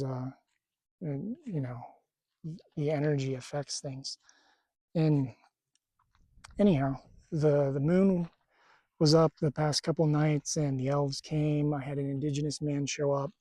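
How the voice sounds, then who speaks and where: A man talking casually to camera at a desert campsite, halting and stuttering, with a tight, strained throat. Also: on the high side, little pitch movement, mellow, no room sound. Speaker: spiritual vlogger.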